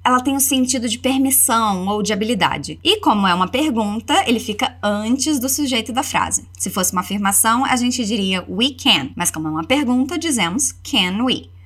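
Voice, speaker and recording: Brazilian woman English teacher, lively pitch, slow model phrases, quick explanations. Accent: Brazilian Portuguese. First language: Portuguese. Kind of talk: language lesson with repeat-after-me drills.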